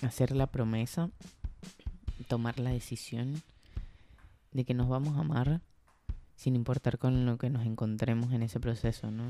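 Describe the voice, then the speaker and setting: A man hosting a podcast, speaking in a gentle, unhurried, encouraging way in a reflective casual monologue. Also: mid-range voice. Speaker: podcast host.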